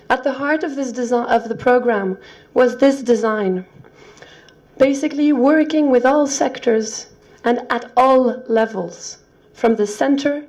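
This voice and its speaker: A woman with a hoarse, croaky voice that is giving out, presenting at a conference. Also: on the high side, dark tone. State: hoarse, croaky, losing her voice. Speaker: conference speaker, nutrition officer.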